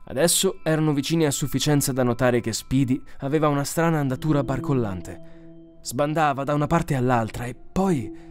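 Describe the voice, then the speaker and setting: A man reading a science fiction story aloud as an audiobook narrator, with an expressive delivery. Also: mid-range voice. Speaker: audiobook reader. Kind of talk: scripted narration.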